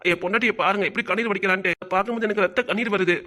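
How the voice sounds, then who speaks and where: A woman's voice: medium pitch, steady tone, pushed and bright, a little hiss or hum, pitched below the performer's own voice, natural voice. A woman voicing a doting young husband in a cartoon, soothing his wife and timid before his mother. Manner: soothing, rapid. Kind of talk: cartoon voice acting.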